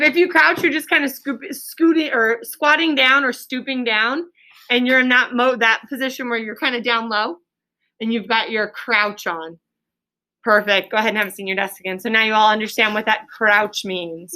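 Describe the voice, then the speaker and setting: An elementary school teacher leads a reading lesson for children in a slightly high voice that sounds pushed and bright. She keeps her explanations simple, repeats key words and prompts her pupils with questions.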